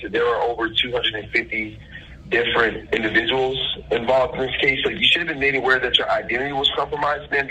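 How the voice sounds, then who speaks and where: A man on a faintly noisy phone line pretends to be an official, pressing formally and insistently with legal terms and addressing the listener as ma'am. His medium-pitched voice is bright and forceful with a breathy edge.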